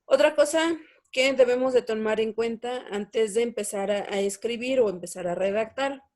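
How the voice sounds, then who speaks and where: A woman's voice: fairly high pitch, normal speed, darkish tone. A young woman teaching a language lesson, explaining step by step and checking in with her students. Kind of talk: online lesson.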